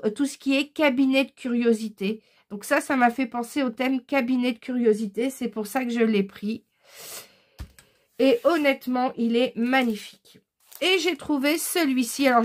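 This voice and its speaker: Frenchwoman, haul vlogger, slightly high voice, chatty, hesitant fillers, enthusiastic. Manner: enthusiastic about craft items. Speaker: scrapbooking vlogger. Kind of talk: casual haul chat, showing purchases.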